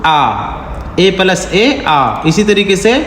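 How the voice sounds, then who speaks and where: Slow, high-voiced man teaching in an echoey room. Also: fairly bright tone. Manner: repeats sounds, asks rhetorical questions. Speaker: Quran teacher. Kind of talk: slow step-by-step lesson. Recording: echoey room with long reverb, faint hiss.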